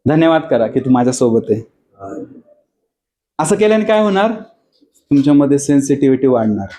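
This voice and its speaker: Man, pastor, Marathi accent, high voice, animated sermon delivery, keeps asking the congregation if they follow. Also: low-quality recording. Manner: animated preaching, mixing English phrases, often asking listeners if they understand.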